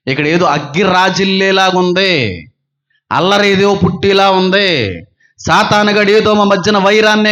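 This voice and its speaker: A man's voice: high-pitched, a bit bright. A man preaching a sermon as pastor, piling up repeated rhetorical questions.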